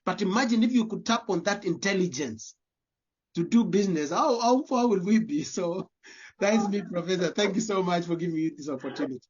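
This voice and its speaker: Speaking high, animated and a little quickly with a breathy edge, this Kenyan-accented man is being interviewed as a guest leader of the diaspora community. He earnestly repeats words as he hunts for the right phrasing, and the recording sounds dull and lo-fi.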